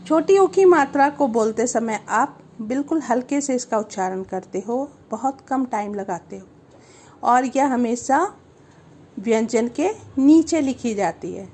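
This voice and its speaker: A woman's voice: fairly high pitch, expressive, a little slow, darkish tone. A woman teaching a Hindi lesson, explaining step by step, repeating each term and asking the viewer questions. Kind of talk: slow, patient language lesson.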